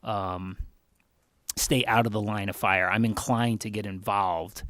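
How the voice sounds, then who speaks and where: Measured man answering interview questions. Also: fairly low pitch, fairly even intonation, fairly bright tone, no room sound, clean studio sound. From Connecticut. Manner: earnest, measured, thinks aloud. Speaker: job candidate for town manager.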